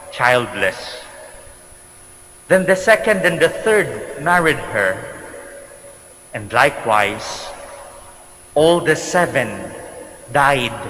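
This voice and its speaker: A man's voice: medium pitch, sharp tone, slight background noise. A man reading scripture as a priest at a church service, solemnly and in short, separated phrases, his voice carrying in a cathedral echo. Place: large church during a service. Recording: cathedral echo, long reverberant church acoustic.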